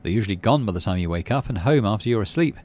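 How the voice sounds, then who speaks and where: Racing through his words, a man with a fairly low, darkish and expressive voice plays a video game, reading its story and musing as he decides. He's hosting a gaming video, with game music in the background.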